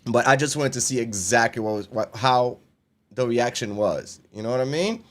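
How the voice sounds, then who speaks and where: A man's voice: medium pitch, normal speed. A man with a New York accent hosting a casual reaction chat, slangy and laid-back. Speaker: host.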